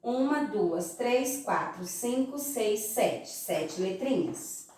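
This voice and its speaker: A Brazilian woman teaching young children in a slow, sing-song voice, recorded in an echoey room from some distance. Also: on the high side, lively intonation, a little mellow. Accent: Brazilian Portuguese. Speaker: primary school teacher. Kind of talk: recorded remote class lesson.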